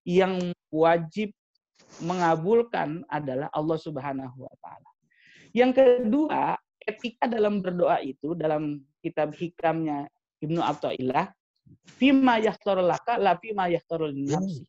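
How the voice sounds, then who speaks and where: A man's voice: a little high, animated, unhurried, darkish tone. A man preaching a light-hearted religious talk, joking with his audience between points. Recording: dry, slightly dull sound.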